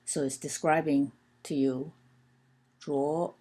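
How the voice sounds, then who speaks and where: A woman giving an informal language lesson in a low, dark voice with a gravelly edge. She talks unhurriedly, fills gaps with "uh" and "um", and spells and counts things out for her students. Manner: hesitant, many fillers and restarts; slow, counting and spelling aloud. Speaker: teacher.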